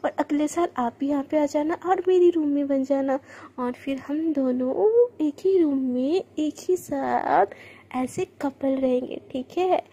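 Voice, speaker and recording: A woman's voice: high voice, a little slow, mellow, highs cut off. A woman voicing a young woman student in love who stammers and pleads when frightened. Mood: tender.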